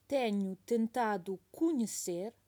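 A woman's voice: medium pitch, slow, warm tone. A woman giving a dictation as a teacher, reading each phrase twice and saying the punctuation marks aloud.

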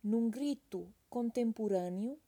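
Woman reading out a dictation real slow, repeats every bit, says the commas out loud, soft mellow voice. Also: fairly high pitch. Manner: repeats each phrase slowly, calling out punctuation. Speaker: dictation teacher. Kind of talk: slow dictation with punctuation read aloud.

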